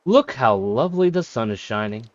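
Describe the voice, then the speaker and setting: A man's voice: mid-range voice, animated, normal speed, no room sound, muffled recording, close to an everyday voice. A man voicing a cheerful mother as she wakes her son, in a raised, chiding voice.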